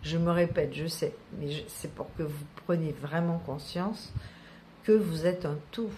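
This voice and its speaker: A woman's voice: sits low, measured pace, warm tone. A middle-aged woman from French Guiana, a wellness practitioner talking casually to viewers, rambling with many hesitations and repeated words. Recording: faint background noise.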